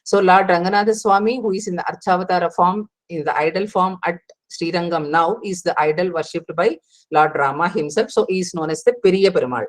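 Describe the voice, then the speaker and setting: Woman teaching a scripture class. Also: lowish voice. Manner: explanatory, with frequent pauses and restarts. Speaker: religious teacher.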